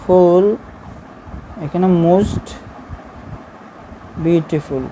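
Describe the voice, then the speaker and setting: Patient Bangladeshi woman teaching grammar, dark voice. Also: lowish voice, fairly even intonation, drawn-out words, rough recording. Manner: patient, repeats points, checks in with "okay?". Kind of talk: explaining a lesson while writing on a board. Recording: faint background noise.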